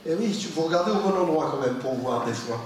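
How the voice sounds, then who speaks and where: A man lecturing to a public audience in a slightly high voice, lively and informal, given to asides and muttered remarks. He sounds far from the microphone. The sound rings around a large, very echoey hall. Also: quick pace. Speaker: professor giving a public lecture.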